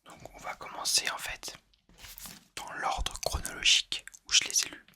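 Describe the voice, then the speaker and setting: A man speaking in a soft, unvoiced ASMR whisper, chatting informally and confidingly to the listener about recommendations. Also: moderate pace. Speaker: ASMR video host.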